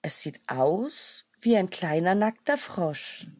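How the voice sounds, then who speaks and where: A woman's voice: fairly low pitch, very animated, slow, dry recording, clean studio sound, voice pushed up. Woman playing a protective mother she-wolf. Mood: tender. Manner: soft and tender, turning fierce when defending.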